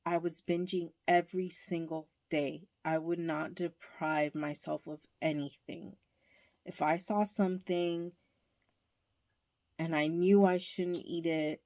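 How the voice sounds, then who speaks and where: A woman talking candidly in a casual home vlog, hesitant and pausing often. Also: low-pitched, darkish tone. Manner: candid, slow and hesitant with many pauses. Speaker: vlogger. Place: indoors at home, under a blanket.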